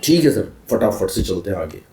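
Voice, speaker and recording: Male commerce tutor, dark mellow tone, echoey room, brisk list-repeating delivery. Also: low voice, sing-song, gravelly. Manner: mixes English terms into Hindi explanations, addresses students as children; brisk, repeats key terms as lists. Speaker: commerce teacher. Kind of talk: recorded class lesson.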